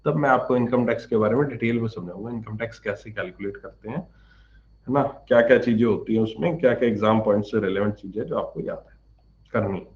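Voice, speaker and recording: A man's voice: on the low side, fast, highs cut off. A man teaching a live online class, answering viewers' questions in a chatty, joking way and explaining patiently.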